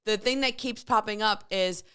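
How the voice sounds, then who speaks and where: A woman in her thirties co-hosting a morning radio show. She talks at a middle pitch in easy conversation and drops quick asides. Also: bright, forceful tone, smooth. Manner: conversational, reacts with short asides. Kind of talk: casual chat.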